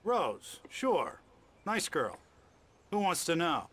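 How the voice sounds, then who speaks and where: A man's voice: a little high, very animated, takes it slowly, a bit bright, breathy edge, heavily acted. A man voicing a folksy, God-fearing trailer park manager in a video game. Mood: folksy, curious. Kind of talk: video game dialogue acting.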